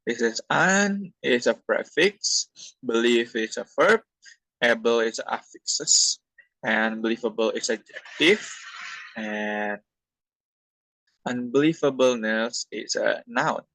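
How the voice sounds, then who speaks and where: A young man from Indonesia, a university student presenting a class talk from slides in a halting, plain explanatory way. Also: medium pitch, expressive, bright, forceful tone, dry recording, rough recording.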